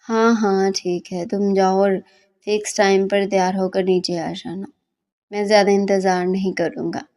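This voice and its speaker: A woman's voice: medium pitch, little pitch movement, moderate pace, mellow, natural voice. A woman voicing a sleepy young male student who grumbles and mocks with teasing insults.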